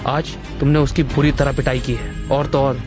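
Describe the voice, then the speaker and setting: Medium-pitched male voice, cautious middle-aged dad, acted by a man, earnest warnings, dubbed fantasy drama, clear music behind. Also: flat delivery, moderate pace, lightly acted. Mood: serious, cautioning.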